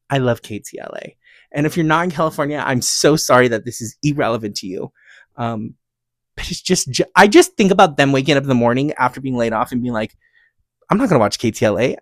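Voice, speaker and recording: An American man hosts a casual solo podcast of music recommendations and rants, gushing emphatically and rambling. His voice is mid-range, with a dry recording and clean studio sound.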